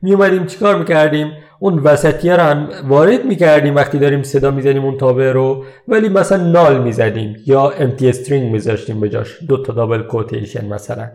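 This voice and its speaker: A man hosting a programming podcast, explaining software features in a relaxed, conversational way. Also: medium pitch, hardly any pauses. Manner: relaxed explanatory, uses many English tech terms. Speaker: podcast host. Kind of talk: casual tech podcast explanation.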